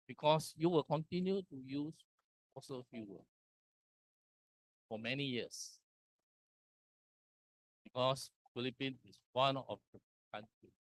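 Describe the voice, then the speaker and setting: A man from Singapore giving a conference presentation, walking through slides in slow, deliberate short phrases. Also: mid-range voice, fairly bright tone, dry recording. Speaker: conference speaker. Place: conference hall.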